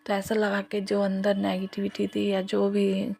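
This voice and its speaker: A middle-aged woman recounts a devotional testimony in a level, even voice of medium pitch. Her delivery stays flat in melody, and now and then she slips into a soft whisper. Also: a little slow, vocal fry.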